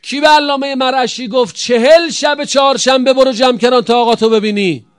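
A man preaching a religious sermon, emphatic, firing rhetorical questions and swinging between loud calls and hushed answers. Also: very high voice, fairly even intonation, clean tone, no room sound, clean studio sound.

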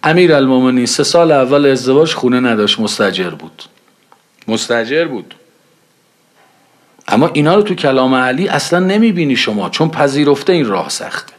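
A man's voice: medium pitch, expressive, hardly any pauses. A man preaching in a conversational way, telling anecdotes and acting out the dialogue in them. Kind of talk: storytelling religious talk.

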